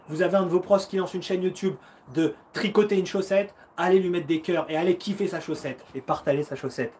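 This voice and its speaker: A man's voice: high-pitched, fairly even intonation, brisk, darkish tone. Upbeat man in his thirties, slangy coach. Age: 30s. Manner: upbeat, encouraging, acts out punches and footwork with sounds; slang-laden and chatty. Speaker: karate fighter and coach hosting a live Q&A. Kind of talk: casual live-stream Q&A. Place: at home.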